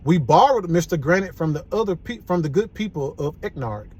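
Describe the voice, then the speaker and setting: A man's voice: fairly high pitch, animated, fairly quick, darkish tone, slight background noise, lightly acted. A man reading as an earnest school principal.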